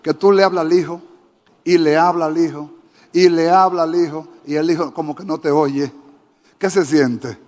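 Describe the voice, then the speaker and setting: A man's voice: a little high, steady tone, moderate pace, darkish tone. A male pastor preaching a sermon, fervent and often questioning the congregation directly. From Dominican Republic. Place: church sanctuary. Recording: church hall with long reverb.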